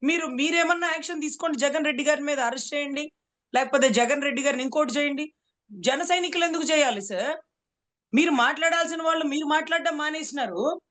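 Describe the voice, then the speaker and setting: A woman advocate with a Telugu accent delivers heated political commentary, speaking rhetorically and repeatedly calling her interviewer "sir." Her voice is high-pitched, fast, and a bit bright.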